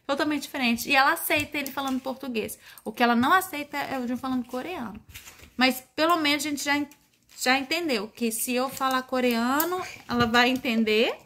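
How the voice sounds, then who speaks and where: A woman's voice: sits high, a little fast, a bit bright. A young Brazilian woman chatting casually in a family vlog, talking about her toddler. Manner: chatty, playful baby talk with her toddler. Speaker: vlogger mother.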